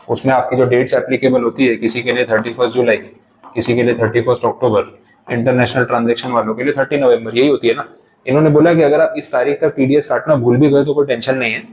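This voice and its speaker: A man's voice: mid-range voice, a little mellow, slight background noise, poor audio. A male tax lecturer in a classroom, explaining step by step in English.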